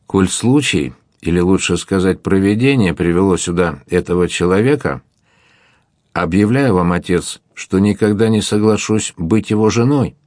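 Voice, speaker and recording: Man doing a defiant young noblewoman, indignant, low voice, dry close sound. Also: normal speed, a little mellow, dry recording, lightly acted.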